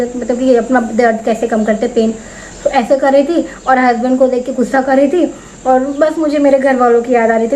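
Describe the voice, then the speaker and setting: Young woman, from India, high voice, chatty storytelling vlog, acts out quotes, faint background noise. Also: darkish tone, low-quality recording. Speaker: vlogger. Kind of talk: casual storytelling to camera.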